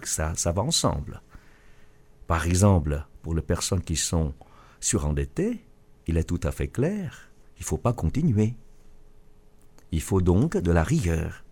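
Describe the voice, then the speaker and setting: Un homme d'âge mûr originaire du Vietnam, auteur et chef d'entreprise, qui répond en interview avec sérieux et hésite souvent. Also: male voice, low voice, dark tone. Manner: earnest, halting with restarts. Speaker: author and business leader. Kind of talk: radio interview answer.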